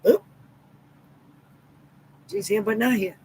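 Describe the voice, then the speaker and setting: A middle-aged livestream host from Massachusetts speaks in a fairly high, lively voice with a slightly mellow quality, chatting slowly and warmly with viewers and greeting each by name. Her Southeastern Massachusetts accent comes through, and there's a faint hiss or hum behind her.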